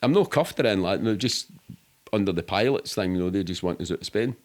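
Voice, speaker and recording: This middle-aged man has a Glasgow-area Scottish accent and a lowish voice with lively intonation and a quick pace. Guesting on a podcast, he tells animated, casual anecdotes, swearing and speaking colloquially while acting out people's words.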